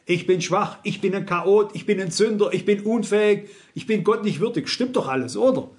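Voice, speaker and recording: A man's voice: high voice, moderate pace, a little mellow. A middle-aged man preaching a sermon, frank and emphatic, speaking straight to his listeners. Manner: frank, emphatic, addresses the audience directly.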